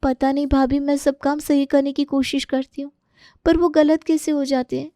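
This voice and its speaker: A woman's voice: high-pitched, little pitch movement, moderate pace, warm tone, no echo, studio quality, voice pushed up, natural voice. A woman doing a meek young cartoon bride. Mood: anxious. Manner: apologetic, pleading. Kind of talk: cartoon story voice acting.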